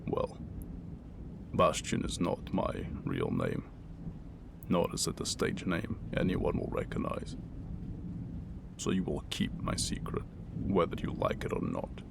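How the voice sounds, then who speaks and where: Playing a wounded mercenary in an ASMR roleplay, a man murmurs an intimate second-person monologue in an extremely low, crackling, deep, gravelly and breathy voice. Guarded, brooding and wry with a tender streak, he sounds secretive and uses halting, old-world phrases in a very animated, full character voice. Rain and thunder ambience plays throughout.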